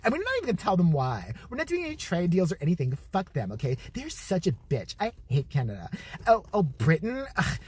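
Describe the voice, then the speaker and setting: A man's voice: high voice, huge pitch swings, brisk, darkish tone, breathy edge, exaggerated voice. A man doing a catty teenage girl president. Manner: valley-girl drawl, full of "like".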